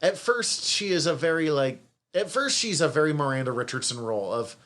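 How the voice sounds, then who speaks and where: A man's voice: a little high, lively intonation, fairly quick, fairly bright tone. A man co-hosting a podcast, chatting casually about a TV series, swearing freely and laughing often. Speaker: podcast co-host. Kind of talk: casual review chat.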